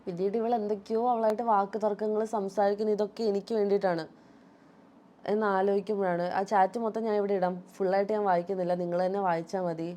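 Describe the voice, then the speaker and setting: A woman's voice: mid-range voice, level tone, fast, mellow. Aggrieved Malayali woman vlogger. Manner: aggrieved, emphatic, talks straight at viewers. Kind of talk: casual storytelling to viewers.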